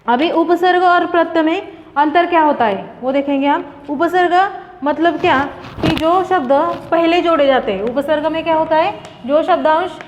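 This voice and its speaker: A woman teaches a grammar lesson with a high voice. She works slowly through the material and repeats each example word as she explains it. The recording sounds dull and muffled, with a long reverb trailing after her words. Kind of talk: classroom lesson.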